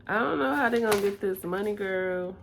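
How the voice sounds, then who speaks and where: A woman talking casually in a personal video diary, soft-spoken and confiding, weary and tearful. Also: medium pitch, vocal fry, slight background noise. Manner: slow, soft-spoken and confiding, drifting between calm and weary.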